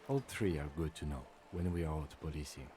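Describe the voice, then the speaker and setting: A man voicing a calm, formal police lieutenant who speaks in a measured, precise and courteous way. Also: extremely low pitch. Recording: game audio with clear background noise.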